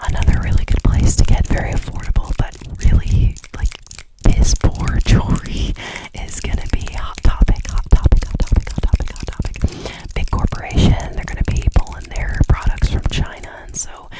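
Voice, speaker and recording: A fast, whispered ASMR ramble in a casual, chatty manner, with words and phrases repeated over and over in quick runs. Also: poor audio. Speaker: ASMR creator.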